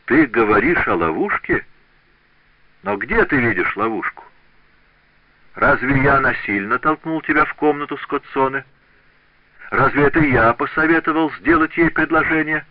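A cold, menacing master craftsman, played by a male reader, threatening quietly. His speech swings lively in pitch over a dry, dull audiobook sound. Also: no echo.

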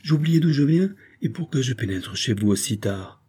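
A man's voice: medium pitch, animated, normal speed, warm tone, breathy edge, voice pushed up. A man reading the part of a scheming, aging viscount in a suave, coaxing manner. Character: scheming aging male viscount, smooth and cunning.

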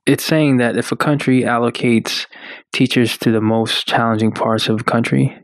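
A man co-hosting a radio talk show at a studio mic, with a dry, close sound. He chats casually and reads article passages aloud in a halting way, with plenty of fillers. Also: medium pitch, steady tone, no echo. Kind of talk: casual chat.

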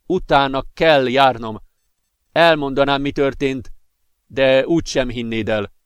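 A man's voice: mid-range voice, smooth, no room sound, natural voice. A man voicing an agitated, volatile young man who talks insistently and flares into fury. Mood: urgent, insistent. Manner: excited, insistent, increasingly furious.

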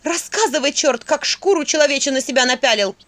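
A woman's voice: high-pitched, fairly quick, fairly bright tone, pitched above the performer's own voice. Vasilisa, a woman doing a fierce young witch. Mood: angry.

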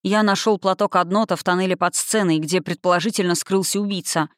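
A woman's voice: fairly low pitch, steady tone, quick pace, no echo, studio quality, lightly acted. A woman voicing a self-assured male investigator with a teasing manner in an audiobook. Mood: brisk.

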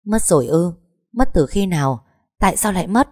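A woman's voice: deep voice, animated, normal speed, darkish tone, no echo, studio quality. A woman voicing a worried older mother in a storybook reading, asking anxious, pressing questions.

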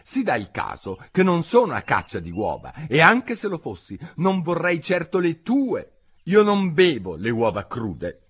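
Brief: earnest, protesting young girl, voiced by a male narrator; husky, animated. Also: a little high, a little slow, pitched above the performer's own voice, full character voice. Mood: indignant. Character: puzzled, indignant little girl Alice.

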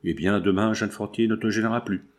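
A man's voice: lowish voice, fairly even intonation, fairly quick, lightly acted. A cynical middle-aged accomplice talks in an easy, reassuring manner while proposing something ruthless, as a male reader voices him. The voice stays close to the reader's own. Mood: scheming.

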